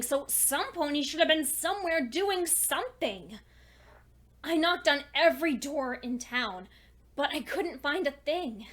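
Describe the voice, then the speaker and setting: Woman voicing Twilight Sparkle, high-pitched anxious scholarly pony. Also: a bit bright. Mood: forced calm. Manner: earnest, precise, fretful storytelling. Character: anxious young female pony scholar keeping a log. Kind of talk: dramatic first-person fan fiction reading.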